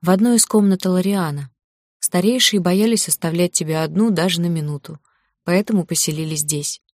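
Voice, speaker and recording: A woman voicing a loyal young woman friend who talks briskly and firmly. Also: on the low side, darkish tone, dry recording, studio quality, close to an everyday voice.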